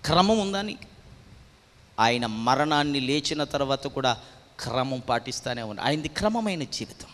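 A male pastor preaching a dramatic sermon, swinging from quiet asides to loud fervent surges and acting out voices from the story. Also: medium pitch, lively intonation, normal speed. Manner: dramatic preaching with sudden surges to shouting, acted quotes. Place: church hall. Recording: long hall reverb.

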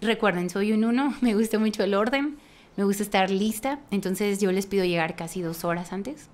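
Animated woman with a Mexican accent. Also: mid-range voice, normal speed. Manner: animated, laughs often, emphatic restarts. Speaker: worship leader. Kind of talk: conversational storytelling.

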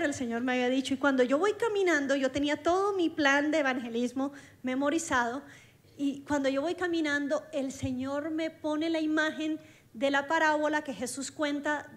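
A woman preacher telling a personal story in a sermon, lively and acting out the dialogue. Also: sits high, normal speed. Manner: lively, acts out dialogue, laughs along with her story.

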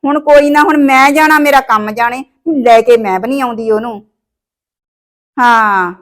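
A domineering, scheming mother-in-law, played by a woman, with a high voice. She scolds and bosses her son in a village comedy short film. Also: normal speed, lightly acted. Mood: gossiping.

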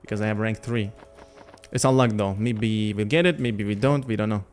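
A man's voice: lowish voice, moderate pace, darkish tone, clear, resonant tone. Chatty man streaming. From Lithuania. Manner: chatty, thinking aloud, talks to chat. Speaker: gaming livestreamer. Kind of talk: casual gameplay commentary.

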